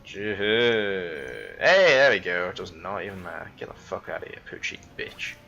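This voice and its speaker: A man's voice: low voice, very animated, unhurried, gravelly, pushed and bright. A young man from the Isle of Man rambling through casual let's-play commentary, full of fillers and absurd made-up stories. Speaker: gaming commentator.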